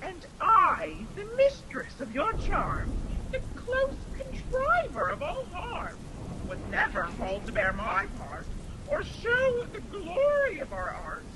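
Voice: very high voice, wildly swooping pitch, slow, noisy background, heavily acted. A performer playing Hecate, the fierce queen of witches, in a radio drama, chanting and scolding.

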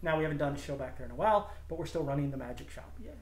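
A man in his thirties, a magic shop owner, talking casually about his shop and doing card-trick patter with playful, deadpan jokes. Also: a little high, very fast. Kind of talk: casual demonstration and interview. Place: inside a small shop, indoors. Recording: echoey shop room with faint background noise.

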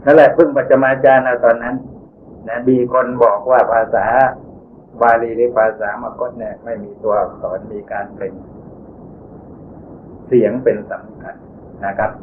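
A man giving an unhurried, explanatory Buddhist dharma lecture who keeps adding polite particles to the ends of his sentences. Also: medium pitch. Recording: tinny phone-like recording with faint hiss.

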